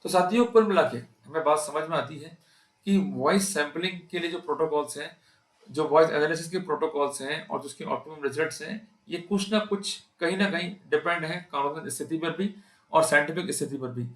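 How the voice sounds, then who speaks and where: A man with an Indian accent delivers an explanatory law lecture to camera in Hindi mixed with English, speaking emphatically and addressing viewers directly. His voice is on the high side and fairly quick, recorded in an echoey, reverberant room.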